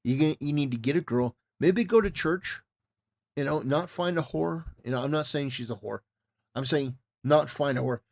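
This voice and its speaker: With a slightly high, gravelly voice at normal speed, a man livestreams his reaction to a clip. He's casual and opinionated, hammering points emphatically and repetitively in stop-start phrases.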